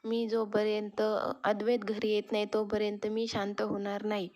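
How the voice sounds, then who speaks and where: A woman's voice: mid-range voice, monotone, normal speed, a little mellow, close to an everyday voice. A woman reading the lines of a worried middle-aged mother who frets over her son. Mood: anxious.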